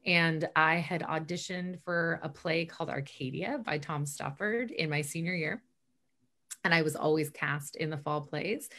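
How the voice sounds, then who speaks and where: A chatty woman in her late thirties talks about her work in a casual video-call interview, upbeat and rambling with fillers and asides. Her voice sits low for a woman. She is heard through a laptop mic in a small bedroom. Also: fairly bright tone. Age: 30s. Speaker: stage manager and professor, interview guest. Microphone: laptop webcam mic on a video call.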